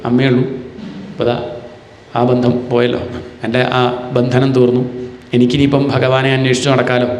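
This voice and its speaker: A man's voice: medium pitch, darkish tone. Man giving a devotional discourse in a reverberant hall. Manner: storytelling in first person, slowly chants verses. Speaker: scripture discourse speaker. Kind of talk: devotional discourse with Sanskrit verse chanting.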